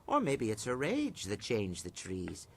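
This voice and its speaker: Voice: mid-range voice, huge pitch swings, measured pace, exaggerated voice. An actor voicing a wary keeper of a haunted inn in a video game, speaking formally and with suspicion. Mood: guarded.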